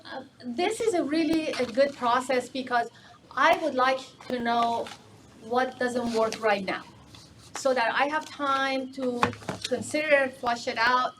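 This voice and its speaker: Higher-pitched woman, agency staffer at a public meeting, halting delivery with restarts, faint room hiss. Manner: halting, many fillers and restarts. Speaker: agency staff answering questions.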